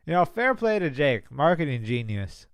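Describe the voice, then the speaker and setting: A man's voice: fairly high pitch, big pitch swings, moderate pace, clear, resonant tone, no echo, clean studio sound. Chatty man in a reaction video. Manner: chatty, laughs easily, restarts sentences. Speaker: boxing commentator reacting to a clip. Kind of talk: casual reaction commentary.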